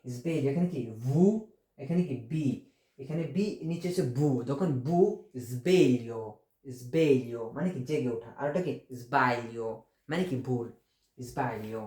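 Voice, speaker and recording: Bengali-speaking male tutor, fairly high and mellow voice, drills words slowly, asks himself questions. Recorded in an echoey room. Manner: explains step by step with many rhetorical questions. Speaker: Italian language teacher. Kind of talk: informal online language lesson.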